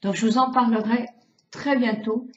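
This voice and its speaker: A woman's voice: fairly high pitch, fairly even intonation, darkish tone. Older woman coaching face exercises, roomy sound. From France. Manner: chatty, demonstrative, drawn-out vowel sounds. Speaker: beautician. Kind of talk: casual face-exercise tutorial. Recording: roomy, slightly dull home video.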